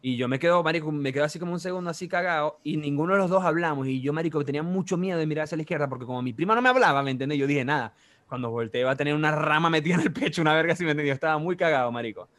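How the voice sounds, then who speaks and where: A young man in his twenties with a Venezuelan accent, telling a story in casual chat, animated and full of slang and sound effects. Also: fairly high pitch, very fast.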